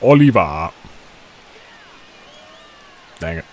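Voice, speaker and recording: A young man giving excitable play-by-play commentary on a video game, shouting on big hits and muttering quieter asides. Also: low-pitched, drawn-out words, slight background noise. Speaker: gaming YouTuber.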